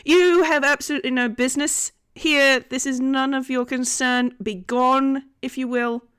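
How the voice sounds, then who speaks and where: A woman's voice: sits high, steady tone, moderate pace, a bit bright, clear, resonant tone, pitched above the performer's own voice. A woman voicing a haughty, indignant goddess in a tabletop game, imperious and dismissive toward mortals. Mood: scornful.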